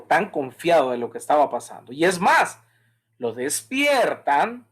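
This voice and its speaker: Lively-pitched storytelling pastor. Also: male voice. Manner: animated storytelling, acts out voices. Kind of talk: Bible study sermon.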